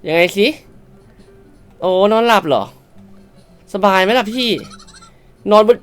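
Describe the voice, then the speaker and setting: A woman doing lively let's-play commentary, her pitch swinging widely as she shouts and exclaims. She swears at the characters in fun and sometimes drops into a polite shop-clerk tone. Soft music plays underneath. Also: slow. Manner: loud, exclamatory, swears playfully at game characters. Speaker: gamer.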